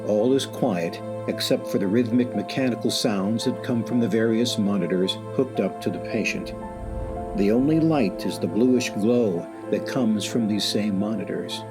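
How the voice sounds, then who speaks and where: In a lowish, natural voice, a man plays a solemn, eerie announcer for a suspense radio play. He narrates in a measured, theatrical way with music underneath, and the mood is ominous.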